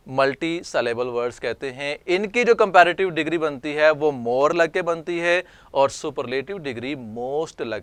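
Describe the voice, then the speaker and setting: Give me a male English teacher, recorded dry and close, calmly walking through word forms. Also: fairly high pitch, smooth, no echo. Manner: slow, spells out word forms one by one. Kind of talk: recorded grammar lesson.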